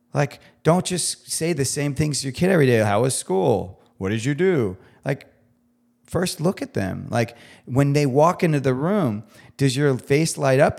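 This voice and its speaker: A man with a gravelly, fry-tinged voice speaks as a podcast guest. His pitch sits in a middle range, and he talks earnestly and emphatically in relaxed conversation. He sounds heartfelt, close to tearing up at moments. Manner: heartfelt, gets teary. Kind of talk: casual conversational interview.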